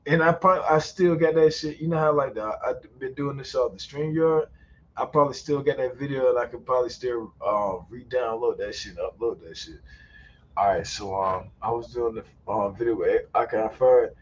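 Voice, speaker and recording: Faint ambient noise sits under the muffled audio of a man hosting a live stream. A YouTuber, he talks in a loose, profane, story-driven way and laughs a lot during the casual chat. His voice is medium in pitch, fairly even in intonation, and moderately paced.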